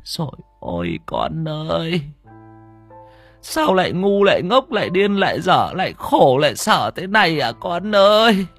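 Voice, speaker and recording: A man's voice: high voice, lively intonation, normal speed, long pauses, slightly rough, faint music behind, pitched above the performer's own voice, full character voice. A man voicing a poor, loving old grandmother over sixty who scolds in fretful exclamations. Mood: scolding.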